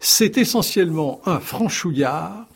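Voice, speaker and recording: A man speaking as a historian guest in a radio studio interview, telling his story in an animated way with wry asides and frequent restarts. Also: sits high, a little slow, vocal fry, slightly rough. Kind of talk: radio interview, explaining at length.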